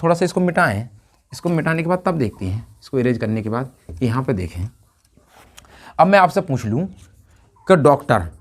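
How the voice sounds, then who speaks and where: Male teacher, slightly high voice, drilling students with repeated questions. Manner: asks the class questions and answers them himself, repeats key words. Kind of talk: whiteboard grammar lesson.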